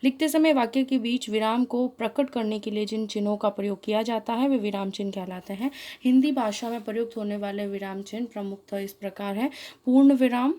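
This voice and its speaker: A woman teacher giving a classroom grammar lesson, explaining clearly and deliberately, working through examples one by one and correcting her own slips as she goes. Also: a little high, mellow. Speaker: school Hindi teacher.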